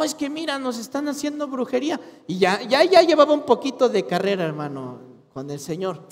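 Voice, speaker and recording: A man, a pastor with a Mexican Spanish accent, preaching a sermon in an animated, colloquial storytelling way. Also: high-pitched. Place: church hall. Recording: long hall reverb.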